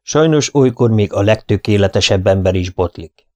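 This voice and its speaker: A man's voice: on the low side, darkish tone, close to an everyday voice. A man voicing a fussy, precise older male detective who explains things methodically in an audiobook reading. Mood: lecturing. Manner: measured, lecturing, methodical explanations.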